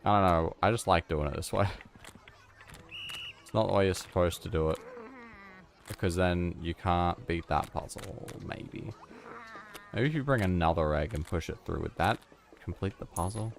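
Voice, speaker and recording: A man's voice: sits low, moderate pace, creaky, long pauses, a little hiss or hum. A man giving casual, mumbling commentary while playing a video game, with self-deprecating asides. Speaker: gamer.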